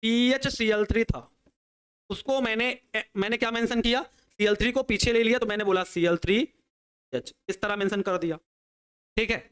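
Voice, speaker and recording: A man's voice: high-pitched, moderate pace, a bit bright, smooth. A man teaching a chemistry class online, working through reactions step by step and answering his own questions for the students. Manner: explains step by step at a working pace. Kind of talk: online exam-prep lecture.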